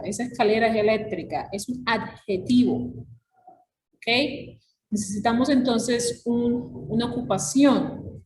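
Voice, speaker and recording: A woman's voice: medium pitch, darkish tone. A woman English teacher, patiently going over students' written mistakes and checking in with "ok?". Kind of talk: recorded feedback lesson. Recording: roomy echo, faint background hum.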